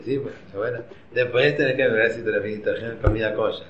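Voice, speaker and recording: A man's voice: lowish voice, fairly even intonation, a little fast. A man with an Argentine accent gives a religious teacher's informal lecture to a class of women, constantly quizzing them with questions. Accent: Argentine Spanish. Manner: chatty, keeps quizzing the audience with questions. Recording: roomy, slightly dull recording with faint hum.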